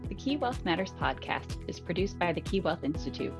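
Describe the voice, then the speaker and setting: A woman's voice: on the low side, very animated, fairly quick, gravelly. Woman reading a legal disclaimer over music. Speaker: disclaimer announcer. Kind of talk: scripted legal disclaimer read.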